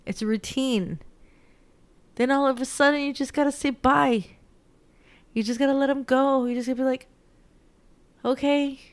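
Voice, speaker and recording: A woman's voice: high-pitched, steady tone, normal speed, long pauses, clear, resonant tone. A young woman teacher with a Texan accent chatting through her week in a casual vlog, emotional and laughing often. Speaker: teacher and vlogger. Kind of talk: casual weekly recap vlog.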